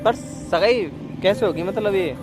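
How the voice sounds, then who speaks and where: A man's voice: high voice, normal speed, a little mellow, soft background music. A young man hosting a staged prank argument, brash and teasing. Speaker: prank video host.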